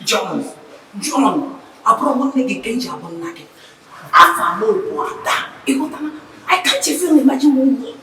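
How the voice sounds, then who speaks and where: A frustrated young woman with a Nigerian accent who nags and pleads with her lover in a high voice. Her pitch swings wide. The sound is distant and roomy with steady background noise. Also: a little slow. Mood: nagging. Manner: pleading, nagging, mixes Igbo and English. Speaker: John's demanding lover. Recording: echoey room, far mic, noisy.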